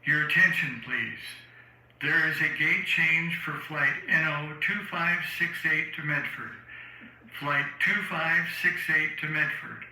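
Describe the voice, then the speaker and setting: A formal airport gate announcer voiced by a man comes over the intercom with measured, repeated announcements. His tone is piercingly bright and a bit higher than usual for a man. The public-address sound rings with echo. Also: exaggerated voice.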